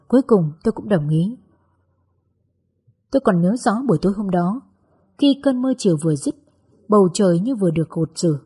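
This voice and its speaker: A woman narrating a first-person audiobook story in a gentle, wistful way. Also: fairly low pitch, breathy edge.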